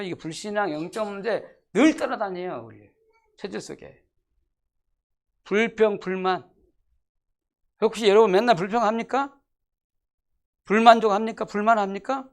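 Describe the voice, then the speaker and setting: A pastor preaching a sermon, emphatic and repetitive, asking the congregation rhetorical questions and dropping from loud declarations to hushed asides. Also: mid-range voice, normal speed, pauses often. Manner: emphatic, repeats key phrases, asks the congregation rhetorical questions. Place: church sanctuary.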